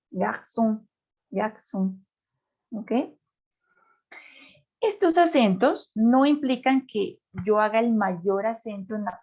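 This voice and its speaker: A woman's voice: fairly high pitch, gravelly, a little mellow. A woman teaching a beginner French class, patiently repeating words for her students to drill. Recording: dull lo-fi sound.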